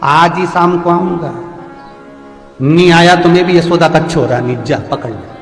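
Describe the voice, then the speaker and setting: A man's voice: fairly high pitch, unhurried. A mischievous young boy answers back with teasing cheek, voiced by a man telling the tale. The voice echoes in a roomy hall. Faint music plays behind. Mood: cheeky defiant.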